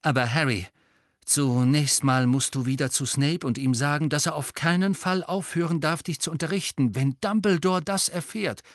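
A man reading an audiobook, voicing a calm, firm grown teacher who speaks slowly and turns stern. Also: fairly high pitch, dry recording, studio quality, voice pushed up, lightly acted. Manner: slow and measured, turning stern.

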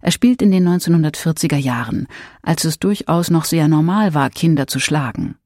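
Calm man reading a parenting text. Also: fairly high pitch, normal speed, dry recording, studio quality. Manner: calm, addresses listeners directly. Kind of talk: scripted reading.

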